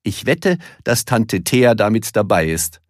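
A man's voice: fairly low pitch, very animated, unhurried, no room sound, clean studio sound. A man voicing a cheerful, playful young male elephant in a children's storybook.

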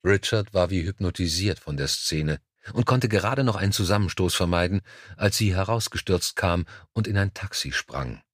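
An older man narrates an audiobook in a calm, measured way. His voice sits very low. The recording is dry and close, with no room sound. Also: no room sound.

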